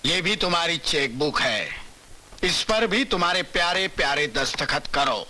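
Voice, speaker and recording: A man's voice: a little high, expressive, measured pace, sharp tone, slight background noise, full character voice. A man playing a sarcastic gangster father. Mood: menacing. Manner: sarcastic, bossy, threatening. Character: scheming gangster father called Hitler, menacing. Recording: music playing behind.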